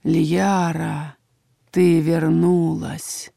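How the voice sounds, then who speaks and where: A woman voicing a mysterious tall man in a cloak, low, slow and hushed. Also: flat delivery, vocal fry, dry recording, clean studio sound, exaggerated voice. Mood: coaxing.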